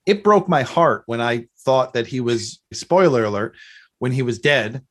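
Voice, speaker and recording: Hosting a laid-back fan podcast, this man rambles and keeps interrupting himself. His mid-range voice is fairly bright, with lively intonation and a measured pace.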